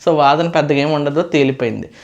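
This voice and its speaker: Fast-talking opinionated man reviewing. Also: fairly high pitch, vocal fry, muffled recording. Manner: opinionated, chatty, mixing English phrases. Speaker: show reviewer. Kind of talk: casual episode review.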